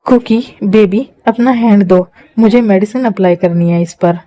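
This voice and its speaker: Lady doing a possessive young guy voice, mellow and bossy, fan dub drama. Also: medium pitch, moderate pace, dry recording, soft background music, close to an everyday voice. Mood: tender. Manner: possessive, commanding. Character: possessive, menacing young man.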